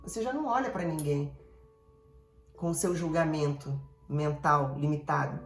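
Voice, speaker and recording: A Brazilian woman therapist giving an animated, digressive motivational talk, speaking straight to her listeners. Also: low-pitched, moderate pace, reverberant, faint music behind. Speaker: emotional therapist.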